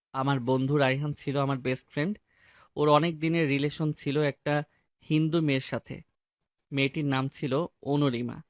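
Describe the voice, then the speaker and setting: A man narrating a dramatic first-person audio story, anxious and despairing. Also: a little high.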